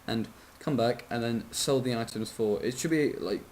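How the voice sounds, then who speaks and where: A man's voice: mid-range voice, moderate pace, a little mellow, slight background noise. Sleepy, rambling young-sounding man explaining a game. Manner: rambling, apologetic, self-correcting, swears. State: sleepy, yawning. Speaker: game tutorial maker. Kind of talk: casual screen-recorded game tutorial.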